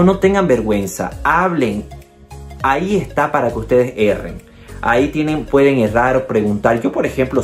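A man from Bolivia with a Bolivian Spanish accent, chatting casually to the camera and encouraging his viewers. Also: medium pitch. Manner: chatty and encouraging, addresses viewers directly, often says "entonces". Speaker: video host giving language tips.

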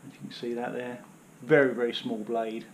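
A man's voice: medium pitch, flat delivery, normal speed, roomy sound, a little hiss or hum, low-quality recording. A British man in his thirties, kneeling on his living room floor, showing his hiking gear in a casual, rambling way with many fillers, heard from a camera a few metres off. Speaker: outdoor gear vlogger. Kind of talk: casual demonstration. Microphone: camera on the floor a few metres away.

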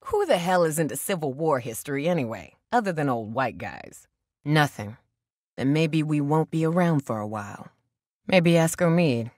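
Voicing a young zombie-apocalypse survivor in a video game, a woman with a deep, slightly mellow voice portrays someone guarded, blunt and protective. Her delivery is dry and cautionary, with lively intonation at a moderate pace and no room sound.

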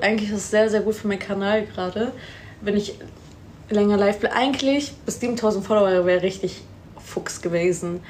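Young woman, casual livestream chat, close phone mic, faint low rumble. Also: a little mellow. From Afghanistan. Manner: chatty, switches between German and English, reads comments aloud and answers. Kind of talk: casual livestream chat reading viewer comments. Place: indoor room at home. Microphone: phone held close, front camera.

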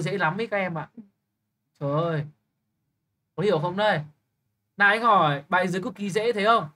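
Young guy tutoring, bright tone, quick check-ins, bit blunt and teasing with the kid. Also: high-pitched. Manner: brisk, keeps checking understanding with quick questions; blunt, teasing address to a student. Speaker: English tutor. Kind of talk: live tutoring lesson.

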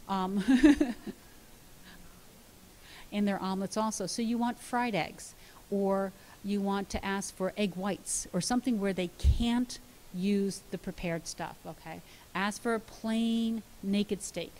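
A middle-aged woman dietitian giving a lively, practical talk to an audience, telling stories and acting out the dialogue with emphasis. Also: medium pitch, rough recording. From United States. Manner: storytelling, acts out dialogue, emphatic. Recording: faint hiss.

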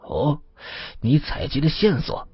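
A man's voice: on the low side, expressive, moderate pace, slightly rough, no echo. A man voicing a curious, jovial middle-aged police detective who talks in a chummy, colloquial way. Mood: curious, teasing. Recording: slightly muffled with faint music.

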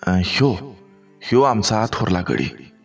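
A man's voice: fairly low pitch, big pitch swings, slow, gravelly, slightly rough, faint music behind, exaggerated voice. A man voicing a humble, worried sugarcane farmer, speaking hesitant village talk.

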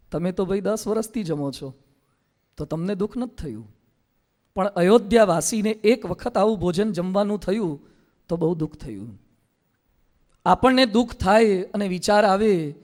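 High-voiced monk delivering a lively sermon. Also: male voice. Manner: lively storytelling with mimicry of everyday people; quotes scripture verses in a slow chant-like delivery.

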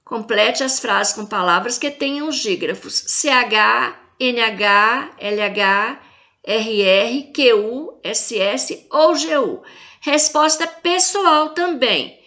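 A woman teacher with a Brazilian Portuguese accent, calmly spelling out letters and stressing each word as she goes over a lesson with young children. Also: fairly high pitch, takes it slowly.

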